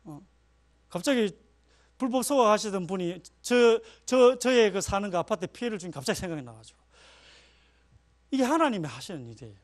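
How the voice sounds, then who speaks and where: A man's voice: high-pitched, lively intonation, brisk, pauses often. A male pastor giving a chatty sermon, telling personal stories and laughing at himself. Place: church.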